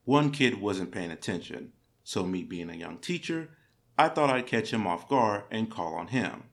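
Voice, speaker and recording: Low-voiced man narrating internet stories. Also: lively intonation, normal speed, vocal fry. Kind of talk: reading internet stories aloud.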